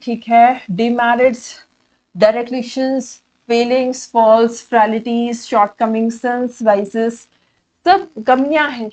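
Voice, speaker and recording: A fairly high-pitched Indian woman teaches vocabulary in an online exam coaching class. She talks in a chatty, repetitive way, mixing Hindi and English as she walks through each word. The sound is a little dull and lo-fi. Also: darkish tone. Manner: chatty, explains in mixed Hindi and English, repeats key words.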